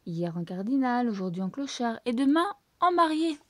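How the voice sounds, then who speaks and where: A woman's voice: on the high side, sing-song, moderate pace, no echo. A woman voicing a kindly, chatty female housekeeper in a storybook reading, courteous and explanatory.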